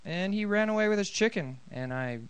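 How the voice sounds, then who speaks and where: A man with a fairly high, smooth voice tells a story in a casual podcast chat. He sounds animated and a little defensive. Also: brisk, no echo. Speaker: podcast guest.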